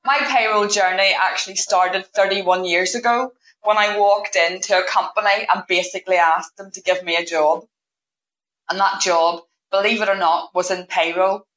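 A woman's voice: medium pitch, steady tone, normal speed, fairly bright tone. A woman aged fifty answering interview questions as a podcast guest. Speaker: podcast guest, payroll manager. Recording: echoey room, dull lo-fi sound.

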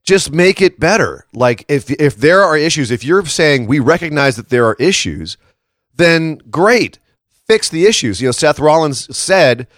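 A man hosting a laid-back wrestling talk podcast sounds froggy and slightly hoarse, tired after a late shift. His voice sits a little high with a fairly bright tone, animated but a little slow, emphatic, and full of tag questions. It's a dry recording with little room sound.

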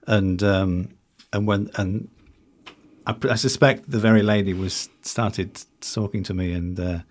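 A man with a fairly low voice, guest on a podcast. He tells rambling, good-humoured stories about his safari business, often restarting his sentences and poking fun at himself. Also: fairly even intonation, measured pace. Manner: chatty anecdotal storyteller, self-deprecating, restarts often. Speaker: safari company founder, guest. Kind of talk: conversational podcast interview.

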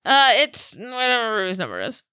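A woman playing a tabletop game and speaking casually in character. Her voice is fairly high, lively and bright, recorded dry. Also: moderate pace, clear, resonant tone, no echo. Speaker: player.

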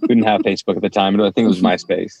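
Over crowd noise and muffled audio, a low-pitched man speaks very fast with vocal fry. He is a pastor from Kuwait, Urdu his first language, animatedly recounting his story in a casual interview and acting out what people said.

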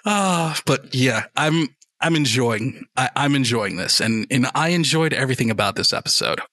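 In a dry recording, a male podcast co-host with a mid-range voice speaks at a moderate pace. His chat is casual, enthusiastic and animated, with frequent word repetitions.

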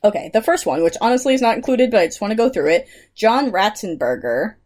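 A woman's voice: medium pitch, very animated, fast, darkish tone. A young woman co-hosting a podcast, chatting casually, laughing often and reading out trivia. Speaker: podcast co-host. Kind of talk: casual chat.

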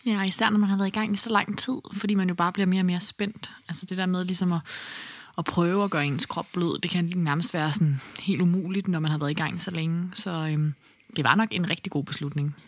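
A woman commenting on a birth as an expert, explaining calmly in a soft, at times breathy voice. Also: on the low side. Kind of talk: casual podcast commentary.

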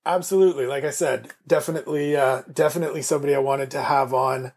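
A man's voice: medium pitch, steady tone, fast talker, breathy edge. A man from Canada hosting a casual podcast chat, talking in a rambling way with restarts. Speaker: podcast host.

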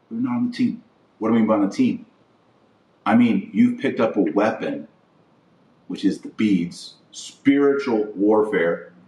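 A man hosting a religious podcast delivers an impassioned opinion monologue, blunt, emphatic and repetitive. His voice is low-pitched with a darkish tone, and he sounds distant from the mic in a roomy, echoing space.

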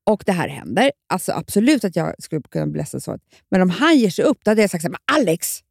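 A woman's voice: on the low side, very animated, vocal fry, a little mellow, husky, no echo. Woman, middle-aged co-host, opinionated and frank in casual talk, dry mic. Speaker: podcast co-host. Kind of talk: casual chat.

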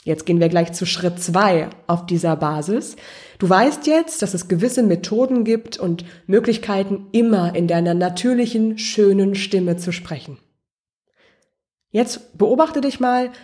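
A woman's voice: mid-range voice, a little mellow. A woman voice coach speaking directly to the listener, encouraging them step by step with questions.

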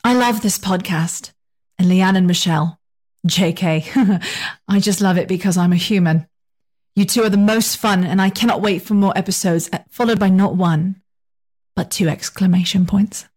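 A woman putting on a British accent to read a listener's note like a royal proclamation, slow and stately. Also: mid-range voice, darkish tone, lightly acted. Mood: grandly formal. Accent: put-on British.

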